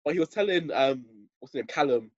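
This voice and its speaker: A man's voice: fairly high pitch, lively intonation, quick pace, no room sound, highs cut off. A young man with a London roadman accent bantering casually on a podcast in heavy, matey street slang. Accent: London roadman, urban British slang. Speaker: podcast co-host.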